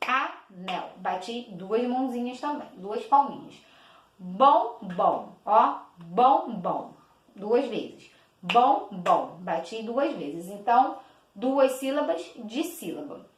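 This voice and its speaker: A woman teacher gives a patient children's lesson, clapping out each syllable slowly and repeating words. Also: fairly high pitch, lively intonation, a little mellow. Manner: slow, clapping out each syllable, many diminutives. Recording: echoey room.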